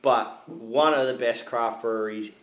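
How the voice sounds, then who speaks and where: A man's voice: mid-range voice, steady tone, measured pace. Teasing man, roomy sound. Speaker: podcast co-host. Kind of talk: casual chat.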